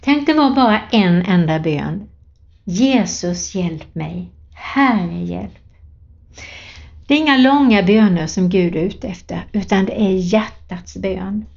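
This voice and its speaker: A woman's voice: medium pitch, few pauses, darkish tone. A woman giving an earnest devotional talk, reading Bible passages and telling a personal story in a plain way. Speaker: lay preacher. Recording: dull lo-fi recording.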